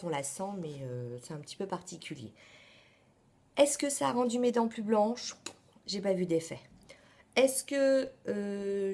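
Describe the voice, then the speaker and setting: A woman's voice: on the low side, a little mellow. A woman in her thirties chatting through her monthly beauty favorites, with lots of hesitations and asides. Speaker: beauty vlogger. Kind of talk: casual beauty favorites vlog.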